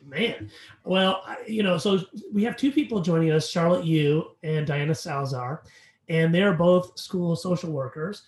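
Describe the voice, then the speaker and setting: A podcast co-host on an educational show chats casually and upbeat, rambling with fillers, and also reads the sponsor message. His voice is a little high with a darkish tone, at a moderate pace, and the sound is roomy.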